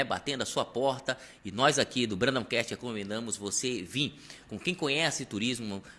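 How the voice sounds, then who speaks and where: A man's voice: medium pitch, bright, forceful tone. A man hosting a live podcast, reading sponsor lines and speaking straight to his viewers in an upbeat, promotional way. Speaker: podcast host.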